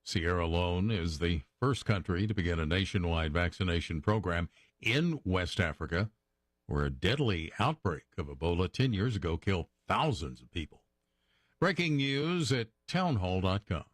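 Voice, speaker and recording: American man, low voice, radio news anchor, scripted newscast, dry studio sound. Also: expressive, normal speed, no room sound.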